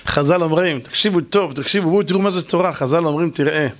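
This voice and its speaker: A man's voice: a little high, fairly bright tone. A man preaching as a rabbi, telling stories animatedly, acting out quoted voices and putting rhetorical questions to his listeners. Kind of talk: sermon.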